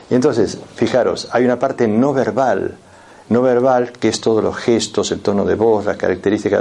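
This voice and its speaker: Man, lecturer, husky gravelly voice, explanatory tone. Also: fairly low pitch, darkish tone. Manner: explanatory, addresses the audience directly with frequent asides. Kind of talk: classroom lecture.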